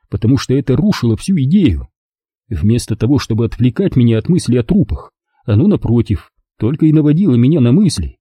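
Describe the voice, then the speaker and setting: A man reading a first-person audiobook in a calm, measured way. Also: medium pitch, slightly rough, dry recording, clean studio sound. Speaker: audiobook narrator.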